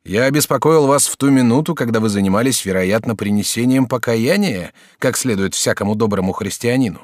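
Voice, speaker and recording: A male audiobook reader voicing a courteous, talkative young student in his early twenties who speaks with a raised, excitable voice. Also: medium pitch, fairly quick, dry recording, clean studio sound, close to an everyday voice. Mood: eager. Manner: bright, animated, polite and excitable. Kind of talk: audiobook character reading.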